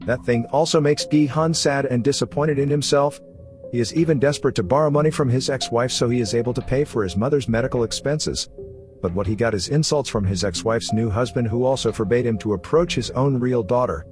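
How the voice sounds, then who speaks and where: Reading a scripted recap of a story as narrator, this man has a mid-range voice and a brisk pace, accompanied by music in the background.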